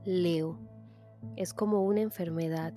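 A woman giving a soft, measured literary reading that sometimes drops to a whisper. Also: fairly low pitch, steady tone, soft background music. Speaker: reader.

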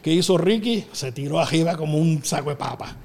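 Middle-aged Puerto Rican man, a bit high-pitched, spinning excitable backstage tales in a room with long reverb. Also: fairly quick, vocal fry. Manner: excitable, acts out voices, laughs often. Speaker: wrestling show booker. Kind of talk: animated storytelling interview.

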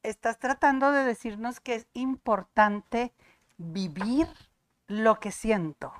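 A woman's voice: a little high, slow, no room sound. A woman hosting a talk show, chatting and sharing personal anecdotes. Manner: conversational, recounts personal anecdotes. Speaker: host.

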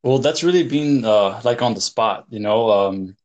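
A man's voice: mid-range voice, animated, normal speed, a little mellow, lo-fi sound. A young man from El Salvador, a chemistry PhD student, answering interview questions in a hesitant way with many fillers and restarts.

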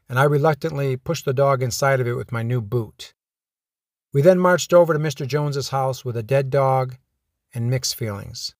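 A man's voice: medium pitch, no room sound. A man hosting a podcast, telling first-person stories of his police days with wry, dry humor. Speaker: podcast host and former police officer.

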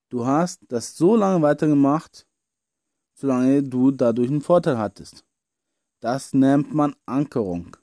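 A man's voice: mid-range voice, mellow, no room sound, clean studio sound. A man giving an earnest self-help talk, speaking straight to the listener and dropping in many "ja" and "äh" fillers as he goes. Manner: earnest, talks straight to "you", frequent "ja" and "äh". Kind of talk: explanatory monologue addressing the listener.

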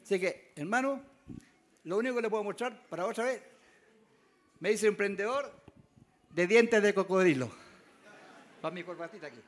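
A Chilean man with a strikingly high voice gives a folksy missionary testimony to his congregation. He talks like a storyteller among friends, calling everyone "brother", and now and then his voice rises into loud, fervent exclamation. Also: normal speed, long pauses. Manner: folksy, keeps calling listeners "hermano". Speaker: missionary preacher.

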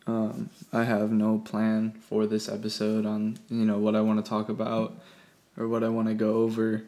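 Young male podcast host, flat, low-pitched, rambling casual monologue with lots of fillers, recorded at home. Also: moderate pace. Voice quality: monotone. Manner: rambling, self-deprecating, many fillers. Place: bedroom at home.

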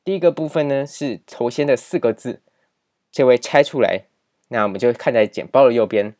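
In a slide-based grammar lesson, a man who teaches languages explains patiently and repeats key points, with many filler particles in his speech. He speaks fairly quickly in a mid-range voice with a somewhat dark tone.

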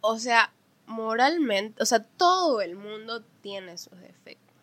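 A woman, a podcast guest chatting casually and telling animated stories about her family. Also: a little high, takes it slowly. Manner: animated storyteller who acts out family members' voices. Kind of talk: casual conversation.

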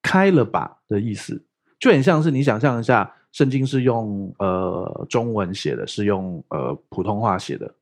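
A man preaches a sermon. His pitch leaps up and down as he jokes and tells stories, and his voice is slightly husky. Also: moderate pace. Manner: playful, joking, animated storytelling. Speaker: pastor. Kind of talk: lively sermon teaching.

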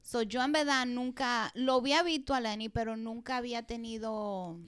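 A woman's voice: a little high, steady tone, fairly quick, fairly bright tone, clean tone. A woman as a podcast guest in casual chat, switching languages mid-sentence and acting out quoted dialogue as she tells stories. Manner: code-switching storyteller who acts out quoted dialogue.

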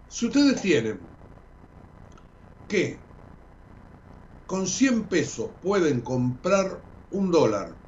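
A middle-aged Argentine man with a somewhat high voice talks listeners through the day's headlines, breaking them up with "este" as he explains. The broadcast sound is muffled and carries a faint hiss. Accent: Argentine Spanish. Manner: explanatory, addresses listeners directly, frequent "este" fillers. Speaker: radio journalist host. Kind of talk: radio commentary and press review.

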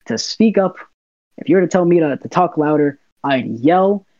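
A young man, a university student, chatting as an interview guest, soft-spoken and quick to laugh as he acts out little scenes. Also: on the high side, no echo, dull audio. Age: young adult. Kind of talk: casual interview chat.

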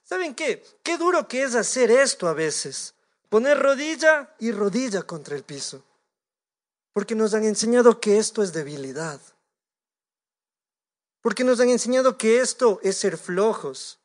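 A man in his thirties with an Ecuadorian Spanish accent preaching a sermon as pastor, animated and acting out imagined dialogues with God. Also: high-pitched, a little slow.

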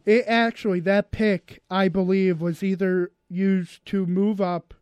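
A man's voice: sits high, level tone, a little slow, darkish tone, smooth, no room sound. A man co-hosting a radio sports talk show, chatting casually and restarting his sentences often. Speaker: radio co-host. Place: radio studio.

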